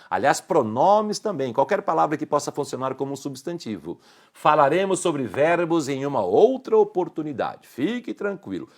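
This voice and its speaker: A middle-aged man with a Brazilian Portuguese accent teaching an online grammar lesson, explaining rules and asking the viewer short checking questions. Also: mid-range voice.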